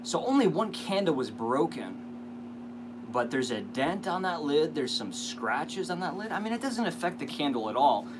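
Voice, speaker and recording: A man's voice: fairly high pitch, very animated, moderate pace, noisy background. A man talking casually to viewers as a vlog host, rambling and hesitant with self-deprecating asides. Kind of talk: casual unboxing chat to viewers.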